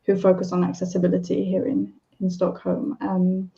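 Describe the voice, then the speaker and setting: A woman's voice: on the low side, monotone, moderate pace, gravelly, warm tone. Chatty woman on a dull call line. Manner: chatty, hesitant, with many ums and laughs. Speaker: software developer and accessibility specialist. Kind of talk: casual chat on a live stream.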